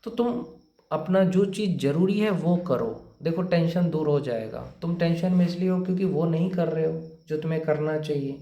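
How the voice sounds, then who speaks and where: A man's voice: on the high side, moderate pace, mellow, muffled recording. A man giving blunt, lecturing relationship and career advice, repeating his points to the listener. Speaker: advice speaker. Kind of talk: motivational advice talk. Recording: echoey room.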